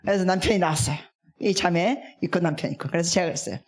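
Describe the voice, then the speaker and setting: A woman, a guest missionary, preaching a revival sermon as an animated storyteller who acts out the people in her stories and coaxes the congregation to respond. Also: on the low side, fast. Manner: animated, acts out quoted speech.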